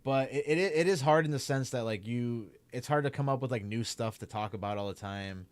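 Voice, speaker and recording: Gaming on stream, a young Chicago-accented man from the Chicago area rambles casually, dropping "like" and "man" constantly. He's a streamer and YouTuber, and his mid-range voice runs a little fast with no room sound.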